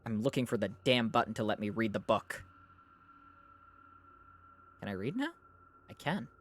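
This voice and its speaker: Streamer reading a book live, pitch all over the place, keeps bickering with chat. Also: animated, moderate pace. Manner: argues back at chat in exasperated bursts.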